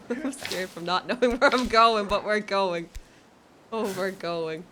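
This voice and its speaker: A woman doing casual live game commentary for her stream chat, excitable and nervous, with giggles and exclamations. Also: medium pitch, takes it slowly, a little hiss or hum.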